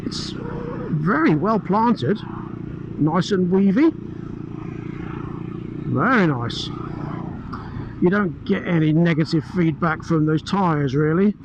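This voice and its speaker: A British man with a fairly high voice talks through a helmet mic as he rides, keeping up a chatty, enthusiastic running commentary. Engine rumble and wind noise sit clearly under his voice. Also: big pitch swings, slow pace, long pauses, muffled recording. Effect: speaking through a helmet mic while riding. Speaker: motorcycle reviewer. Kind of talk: riding commentary. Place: on a motorbike on open roads. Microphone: helmet-mounted mic.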